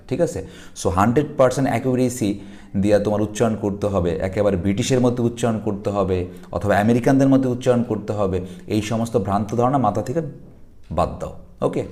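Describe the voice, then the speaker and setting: With a fairly low, dark-toned voice, a man teaching English goes over an exam passage conversationally, filling his speech with fillers and stopping frequently to make sure his students are keeping up.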